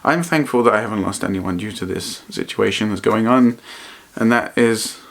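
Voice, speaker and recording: Speaking earnestly and haltingly to camera, a man shares reflective thoughts in a personal vlog, often repeating his phrases. His voice is lowish and gravelly.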